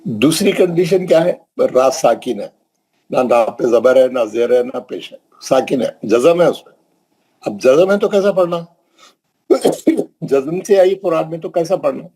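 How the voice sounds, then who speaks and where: A man teaching Quran recitation rules, asking questions and answering them, with slow drawn-out recited examples. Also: on the high side, animated, warm tone, breathy edge, rough recording. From Hyderabad, India. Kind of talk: classroom tajweed lesson.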